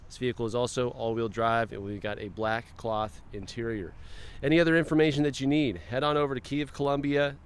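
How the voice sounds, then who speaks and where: Here a man with a steady, mid-range, clean-sounding voice talks fairly quickly. Chatting casually for a dealership, he circles a car outdoors and then heads into its cabin, making offhand comments to himself.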